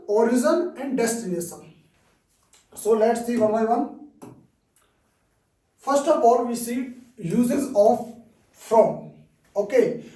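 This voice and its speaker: A man's voice: very high voice, darkish tone. A man with an Indian accent giving an English lesson, repeating key phrases and checking in with "okay" again and again. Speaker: English teacher. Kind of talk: slow explanatory lesson. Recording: roomy echo, distant mic.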